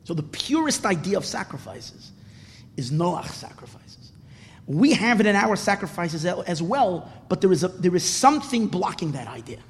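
A rabbi with a high voice gives an unscripted Torah lecture in an echoing hall, sing-song and at a moderate pace. His delivery is emphatic and repetitive, and he asks his own questions before answering them.

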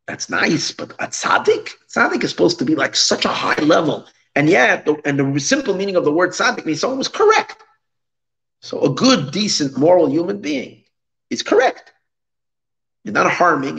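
Higher-voiced man teaching a Torah class. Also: a bit bright, low-quality recording. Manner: emphatic repetition and rhetorical questions. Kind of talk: explanatory text study lecture, reading phrases and translating them.

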